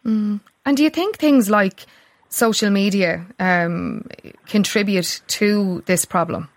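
A woman's voice: medium pitch, takes it slowly, no echo. A woman with an Irish accent hosting a radio interview, asking questions in a careful, tentative way.

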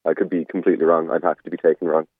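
A man with a deep voice speaks as a radio caller. He is polite and hesitant, often hedging, over a narrow, dry phone line. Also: flat delivery, racing, breathy edge, dry recording. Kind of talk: tentative spoken argument.

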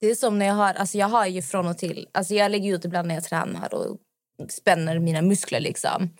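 A woman's voice: on the low side, steady tone, dry recording, clean studio sound. A young woman co-hosting a podcast, speaking frankly and emphatically in casual conversation. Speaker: podcast co-host. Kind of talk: casual chat.

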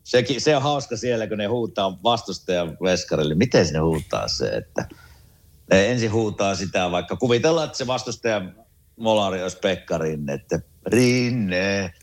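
A man talking hockey in an easygoing, relaxed way as a guest on a casual sports chat. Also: deep voice.

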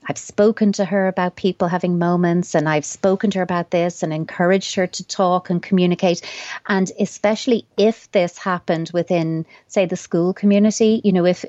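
A woman's voice: lowish voice, warm tone, no echo, lo-fi sound. A woman, a child psychotherapist, giving advice on a radio show in long, thoughtful explanations.

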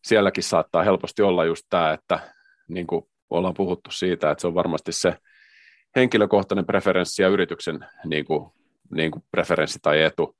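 A man co-hosting a podcast, speaking in a measured, hedging way in a casual discussion about work. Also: deep voice, fairly even intonation, dry recording, clean studio sound. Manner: measured, hedging, many restarts. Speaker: podcast co-host.

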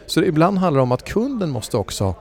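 A man's voice: fairly high pitch, very animated, darkish tone. A man, a voice agency head and voice-over speaker, answering interview questions in a thoughtful way with frequent fillers and restarts. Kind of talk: conversational interview.

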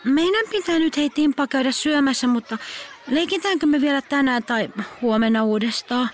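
A woman's voice: high voice, slight background noise, close to an everyday voice. A woman voicing a chatty, cheerful schoolgirl who eagerly explains playground games. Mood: friendly. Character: cheerful young schoolgirl playmate.

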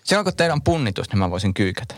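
A man's voice: fairly low pitch, sing-song, no room sound, studio quality. A man co-hosting a casual podcast, joking around and laughing a lot. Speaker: podcast co-host.

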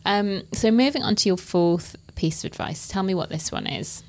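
A woman's voice: medium pitch, animated, normal speed. A woman hosting an interview, asking questions and giving short encouraging replies. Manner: encouraging, brief affirmations. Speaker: interview host.

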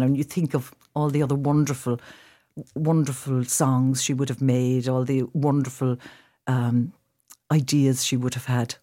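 The actress and director from Limerick, Ireland, talks with a Limerick accent in a casual radio interview, looking back thoughtfully and frequently repeating phrases as she hunts for words. Her voice is a dark-toned bass.

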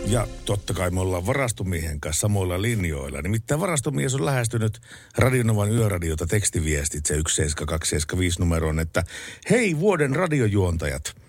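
A man's voice: low-pitched, expressive, no echo, soft background music. A man co-hosting a late-night radio show in a studio, bantering and reading listener texts with mock emphasis. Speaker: radio host. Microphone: studio microphone.

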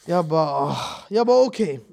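A man's voice: on the high side, creaky. A man, telling a travel story in casual chat and acting out the people he met in broken English. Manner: animated, acts out quotes in broken English. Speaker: podcast host.

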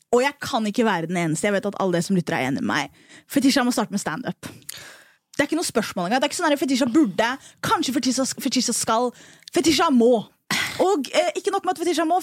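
Young woman comic, high and lively voice, dry close sound, podcast chat. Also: no echo. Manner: animated storytelling with laughs. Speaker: comedian guest.

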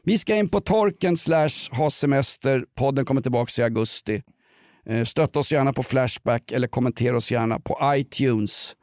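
A man's voice: medium pitch, darkish tone, dry recording, studio quality. A man co-hosting a podcast in casual chat, ranting sardonically and joking. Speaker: podcast co-host.

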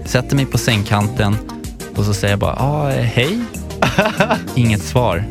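A man's voice: lowish voice, big pitch swings, over music. A man in his twenties co-hosting a casual podcast, telling a long anecdote in a rambling way and acting out the quoted lines. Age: 20s. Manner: rambling storyteller who acts out the quotes. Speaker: podcast co-host.

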